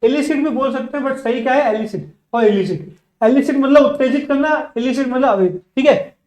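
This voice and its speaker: A man's voice: extremely high pitch, a little mellow. Echoey, patient male language teacher. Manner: slow, carefully spaced English example sentences; repeats words and asks the class questions back. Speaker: spoken English teacher. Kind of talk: bilingual classroom lesson.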